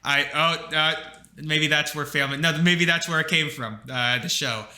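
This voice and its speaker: The echoey room carries a young podcast co-host's slightly high voice at a moderate pace. Chatting casually with his brother, he's animated and rambling, with lots of fillers.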